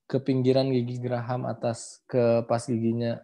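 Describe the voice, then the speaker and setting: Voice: mid-range voice, flat delivery, moderate pace, warm tone. Casual online lesson, patient repetition, syllables sounded out, video-call audio. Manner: repetitive, demonstrates sounds aloud, frequent "ya" and "gitu". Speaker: Quran recitation teacher.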